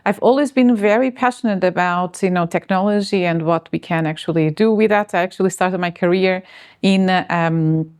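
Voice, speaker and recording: A woman's voice: on the low side, normal speed, a little mellow. A woman from Portugal in her forties, answering interview questions in a hesitant way, with many fillers and restarts.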